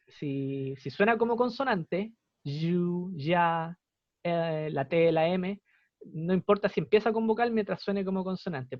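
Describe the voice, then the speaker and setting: A man's voice: high-pitched, no echo, lo-fi sound. A young man with a Chilean Spanish accent, patiently explaining English grammar to students in an online class and repeating his examples. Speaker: English teacher.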